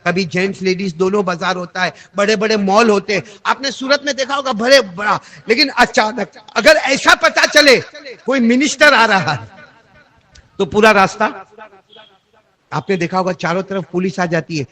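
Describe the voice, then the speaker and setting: A man with a slight lilt preaching a storytelling sermon, quizzing listeners and swinging quiet talk to shouted lines. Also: high-pitched. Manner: dramatic, swings from soft to shouting, quizzes the audience. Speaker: religious preacher. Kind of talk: Urdu sermon storytelling to a congregation.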